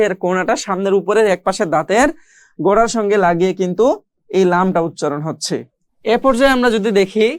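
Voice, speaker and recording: Recitation teacher, middle pitch, dry close sound, patient and methodical, repeats letter sounds slowly. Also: no echo. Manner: explains step by step, addressing learners directly. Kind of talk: recorded online class on pronunciation.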